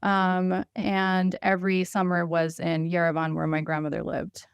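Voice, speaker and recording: A woman's voice: fairly low pitch, monotone, measured pace, smooth, dry recording. A woman in her thirties, raised between the United States and Russia, introducing herself on a webinar panel in a chatty way, with many fillers and restarts. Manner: conversational, frequent fillers and restarts. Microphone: video call.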